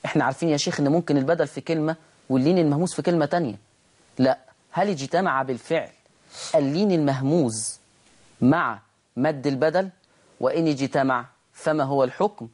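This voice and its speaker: A middle-aged man with an Egyptian accent teaching a televised Quran recitation lesson. He explains quickly in a mix of dialect and formal Arabic, then slowly chants the example words. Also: medium pitch, a little mellow, slightly rough.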